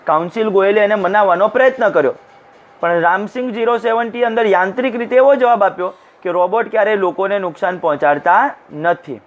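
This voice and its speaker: A man's voice: high-pitched, brisk, highs cut off. A man teaching a class, explaining an English lesson line by line, translating each phrase and briefly acting out the lines. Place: recorded for an online class.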